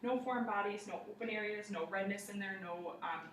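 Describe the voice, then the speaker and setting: In a living room, a young woman demonstrates a clinical exam aloud, walking a patient and observer through each finding the way a student would. Her voice is medium-pitched and brisk. The camera mic sits across the room, so the sound is roomy and distant with a little background noise.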